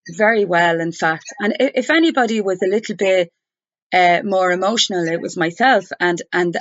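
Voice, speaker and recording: Woman, slightly low voice, insistent and argumentative, confrontational phone call, muffled sound. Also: no room sound. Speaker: complainant challenging a journalist. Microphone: over the phone.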